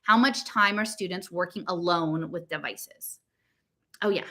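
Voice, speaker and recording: An American podcast host with a lowish, pushed and bright voice reads her blog at a measured pace, adding commentary for online listeners. The informal monologue is impassioned and exasperated, emphatic in tone, and rambles through rhetorical questions.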